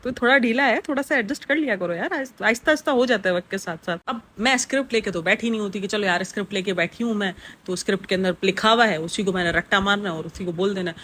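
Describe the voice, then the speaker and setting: A woman's voice: mid-range voice, fast talker, few pauses, fairly bright tone. A woman, rambling through a casual reaction vlog with lots of fillers. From Pakistan. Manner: chatty, rambling, with many fillers. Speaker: reaction vlogger.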